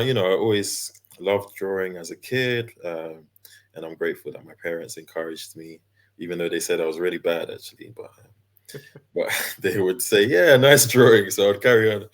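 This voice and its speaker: A man, chatting easily as an interview guest, relaxed and full of fillers and small laughs. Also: deep voice. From London, England. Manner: laid-back, easygoing, with many fillers and laughs. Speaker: guest, character designer and illustrator. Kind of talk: casual interview chat.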